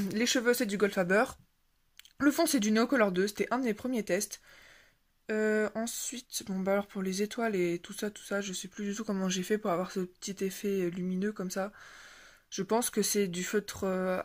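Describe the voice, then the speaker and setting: Rambling, hesitant woman vlogger. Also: medium pitch. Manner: rambling, hesitant, with many fillers and self-corrections. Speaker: coloring vlogger. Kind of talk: casual show-and-tell chat.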